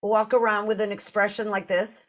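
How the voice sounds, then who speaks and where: A woman's voice: medium pitch, little pitch movement, moderate pace. A woman in her sixties with a Boston accent, co-hosting a live podcast, telling stories with playful asides. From Boston area, US. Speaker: podcast co-host.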